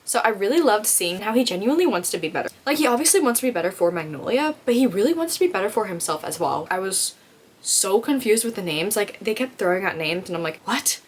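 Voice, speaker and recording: A woman's voice: medium pitch, lively intonation, fast, slight background noise. A young woman chatting casually in a reading vlog, full of "like" fillers. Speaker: vlogger. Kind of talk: casual chat.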